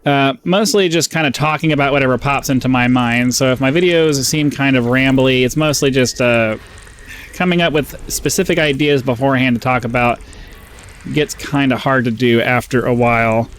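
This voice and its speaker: This gaming channel host has a somewhat nasal, mid-range male voice with a fairly bright tone, speaking at a normal speed. He rambles casually through gameplay commentary, gets sidetracked easily, and leans on lots of fillers, with a little hiss or hum in the recording.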